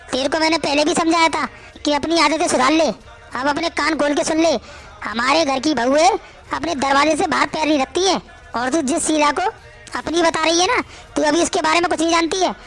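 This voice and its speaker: A woman's voice: sits high, fairly bright tone. A woman voicing a strict, nagging older mother-in-law who scolds and mocks in a cartoon story. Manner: scolding, sarcastic.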